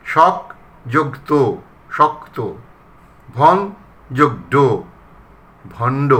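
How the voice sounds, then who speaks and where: Man, pronunciation lesson, unhurried, crisp bright tone, repeats words to demonstrate. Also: a little high. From Bangladesh. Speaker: recitation trainer.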